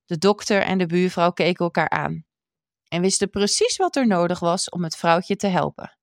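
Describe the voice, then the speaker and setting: A woman reading a children's storybook aloud in an expressive, measured way. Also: on the low side, no echo, studio quality.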